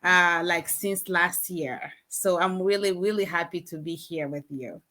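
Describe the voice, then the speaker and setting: A woman's voice: lowish voice, unhurried, sharp tone. A woman from Canada, a guest in an online interview over a video call, speaking earnestly and repeating her words.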